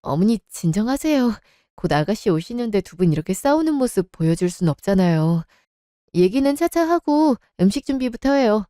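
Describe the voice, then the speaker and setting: A woman's voice: mid-range voice, very animated, normal speed, dark tone, clean tone, dry recording, studio quality, lightly acted. Woman playing a polite young daughter-in-law. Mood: placating. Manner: polite, placating. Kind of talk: Korean radio drama.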